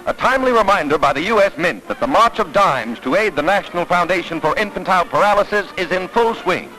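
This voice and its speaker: An American man narrates a 1940s newsreel in a declamatory, dramatic announcer style over a vintage soundtrack with orchestral newsreel music. His voice is high-pitched, expressive and sharp, and he talks fast. The recording is rough.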